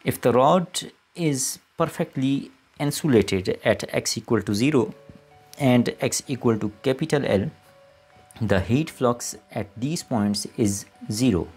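A man reading a scripted maths lesson as lecturer, in deliberate short phrases as if dictating. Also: medium pitch, animated, darkish tone, slightly rough, soft background music.

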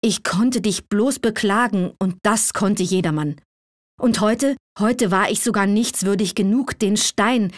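A woman's voice: fairly high pitch, dry recording. Woman reader as a bitter, proud young man; cold and somber, dry close recording.

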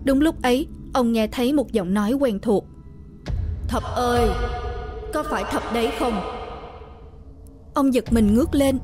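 A woman reading a horror story aloud in a steady, measured narration. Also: fairly high pitch.

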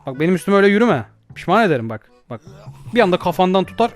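A man's voice: high voice, very animated, very fast, faint music behind. A young man doing jokey let's play commentary, panicking, yelping for help and joking at the game. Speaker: gaming YouTuber.

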